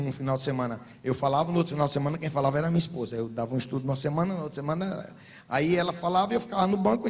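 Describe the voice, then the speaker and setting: Brazilian pastor preaching, high voice. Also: male voice, gravelly, darkish tone. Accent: Brazilian Portuguese. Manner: storytelling preacher, humorous anecdotes, rising to emphatic exhortation. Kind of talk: sermon at a couples' conference.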